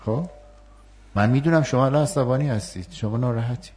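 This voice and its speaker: A man teaching a communication workshop, talking in a lively, questioning way with many fillers. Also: medium pitch. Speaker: workshop trainer. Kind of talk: interactive communication lesson.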